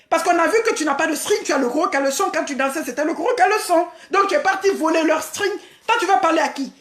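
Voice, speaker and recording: Brief: very high-voiced woman from Senegal, vulgar mocking rant with shouted bursts, echoey room. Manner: vulgar, mocking, repetitive insults with frequent shouting. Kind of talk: insulting live-stream rant.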